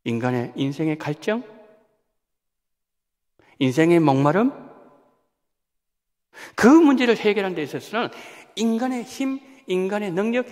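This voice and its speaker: A senior pastor delivers a sermon in a church sanctuary, his fairly high, gravelly voice swinging widely from low to high as he acts out the people in his text. He preaches animatedly, voicing quoted characters and putting questions to the congregation, while a long reverb trails each phrase.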